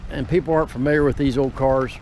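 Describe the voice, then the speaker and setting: A man's voice: mid-range voice, steady tone, fast talker. A man presenting a car in a casual, rambling walk-around, raising his voice over the wind outdoors. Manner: rambling, jumps between points. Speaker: car dealer presenting vehicles. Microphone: camera's built-in microphone. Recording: loud wind noise on camera microphone.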